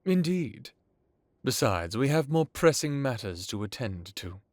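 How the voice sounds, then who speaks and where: A man playing Dracula, an ancient vampire with a wry, commanding, measured and theatrical delivery in an audio roleplay. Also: medium pitch, big pitch swings, dry recording, studio quality. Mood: knowing, pointed. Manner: measured, theatrical, formal with dramatic pauses. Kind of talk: dramatic audio roleplay acting.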